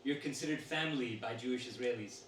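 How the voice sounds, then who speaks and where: A man reading a woman's interview answers aloud to an audience in a steady, measured voice. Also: medium pitch. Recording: roomy sound from a distant mic with faint noise.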